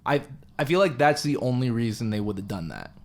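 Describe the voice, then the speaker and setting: A young man co-hosting a casual movie review podcast, animated and jokey, laughing often and jumping high in pitch when excited. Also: fairly quick. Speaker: podcast co-host.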